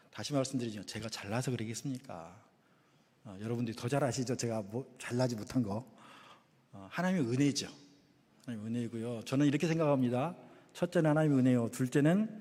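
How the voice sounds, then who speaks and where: A man's voice: medium pitch, a little mellow. A middle-aged man preaching a sermon in a chatty, self-deprecating way with touches of humor. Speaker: guest pastor. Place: church sanctuary. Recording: long church reverb.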